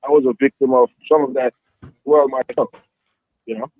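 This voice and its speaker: A Jamaican youth football coach with a Jamaican accent answers interview questions reflectively, filling pauses with lots of "you know." His medium-pitched voice is level and moderately paced, and the dry, tinny line sounds phone-like with no echo.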